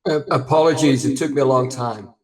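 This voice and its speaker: A man's voice: mid-range voice, fairly quick. A man presenting remotely to a town board over an internet call that keeps breaking up, speaking earnestly with frequent hesitations. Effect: choppy internet call audio breaking up. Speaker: housing nonprofit representative.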